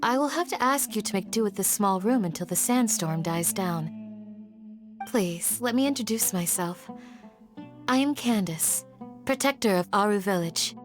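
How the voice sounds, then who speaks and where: An actress playing a gentle but firm village guardian in a video game, speaking politely, formally and with composure. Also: female voice, mid-range voice, lively intonation, normal speed, music in the background, lightly acted. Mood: courteous. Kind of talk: video game character acting.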